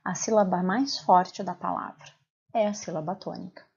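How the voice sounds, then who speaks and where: A woman's voice: fairly low pitch, normal speed, gravelly, darkish tone, husky, dull audio. A woman teacher with a Brazilian Portuguese accent, explaining a recorded lesson patiently and asking her pupils questions.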